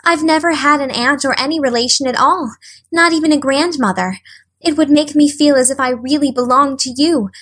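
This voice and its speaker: A woman's voice: sits high, a little fast, a bit bright, pitched above the performer's own voice. A woman voicing an eager, imaginative young orphan girl who speaks in a breathless, pleading, wide-eyed way. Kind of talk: audiobook character voice.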